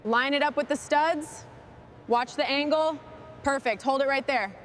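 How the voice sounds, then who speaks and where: A woman with a high, fairly bright voice gives terse, step-by-step remarks in short work commentary on a machinery restoration job. She speaks unhurriedly in short phrases, with clear ambient noise behind her.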